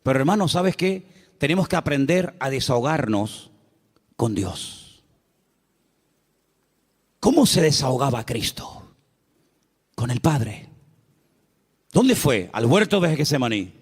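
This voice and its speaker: A man's voice: medium pitch, big pitch swings, slow pace, pauses often, husky. A male pastor with a Canarian accent, preaching a sermon in a church, folksy and full of rhetorical questions. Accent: Canarian Spanish. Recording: long reverb of a church hall.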